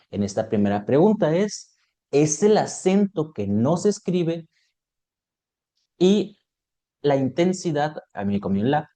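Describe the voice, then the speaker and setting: A man's voice: mid-range voice, dark tone. A man teaching an online exam prep lesson, explaining topics step by step and checking in with his students.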